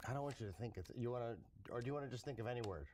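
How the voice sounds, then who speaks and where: A man's voice: mid-range voice, rapid-fire, darkish tone, faint music behind. A man who does magic and comedy, chatting as a guest in an easygoing way, often thinking aloud. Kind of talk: casual chat.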